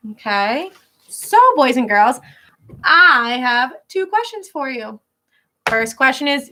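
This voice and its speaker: Reading a storybook to her pupils, a high-voiced, bright-sounding elementary school teacher gives an expressive picture-book performance. She breaks off now and then, like a teacher, to translate words and explain them in simple terms.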